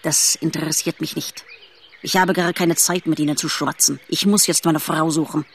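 A woman voicing a serious, grumpy male grasshopper in a storybook, with a rattling, raspy voice and slow, curt words. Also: low voice, fairly even intonation, slight background noise. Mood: gruff.

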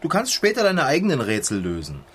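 Ein Mann spielt in einem komischen Hörspiel einen jungen Mann, der am Rechner nascht und neckend, selbstgefällig redet. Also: male voice, a little high, wildly swooping pitch, fairly quick, a bit bright, a little hiss or hum. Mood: smug. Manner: teasing, smug. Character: teasing young man snacking at his computer. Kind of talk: comic audio play.

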